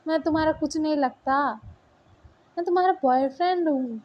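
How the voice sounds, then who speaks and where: A woman voicing a young man who keeps begging his girlfriend's forgiveness, soft and pleading. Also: high voice, moderate pace, dull audio, pitched above the performer's own voice, close to an everyday voice. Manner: begging, soft, repeated pleas.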